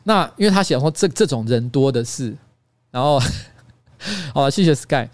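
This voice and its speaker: A man in his thirties with a Taiwanese Mandarin accent, hosting a radio-style livestream as an animated, self-mocking storyteller. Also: medium pitch, moderate pace, no echo. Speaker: host.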